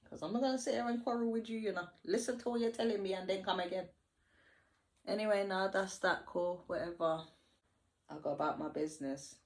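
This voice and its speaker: A woman, telling a story to her viewers in a lively vlog chat with slang and dialect voices. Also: mid-range voice, brisk. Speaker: vlogger. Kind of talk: storytime while getting ready. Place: home.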